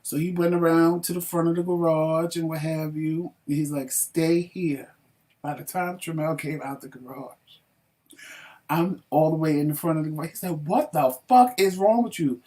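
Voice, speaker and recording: A man's voice: on the high side, moderate pace. Guy cohosting a chat show, cussing a lot, acts out what people said, sits kinda far from the mic. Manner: animated, profane storytelling with acted quotes. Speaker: talk show co-host. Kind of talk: casual chat.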